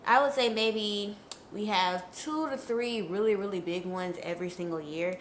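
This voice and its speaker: In a casual advice vlog, a young woman who hosts natural hair content speaks at normal speed and medium pitch, her nose stuffed up from a cold. She addresses viewers with frank, chatty hair care tips, and the recording has an echoey room sound and a bit of hiss or hum.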